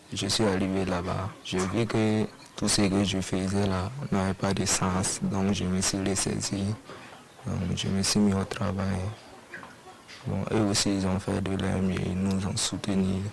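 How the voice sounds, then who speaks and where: A young man giving a plain, halting interview, thanking those who helped him. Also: sits low, gravelly, poor audio. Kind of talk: interview statement.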